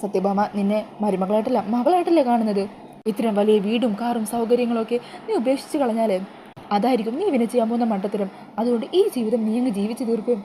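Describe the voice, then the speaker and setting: A woman's voice: a little high, quick pace, dark tone, slight background noise, close to an everyday voice, poor audio. A woman voicing a scheming, blunt female friend who lectures and pushes. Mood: lecturing.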